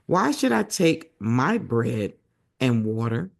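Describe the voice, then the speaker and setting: A man reading the Bible aloud as a host, hoarse and losing his voice, breaking off for chatty asides to his viewers. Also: medium pitch, sing-song, takes it slowly.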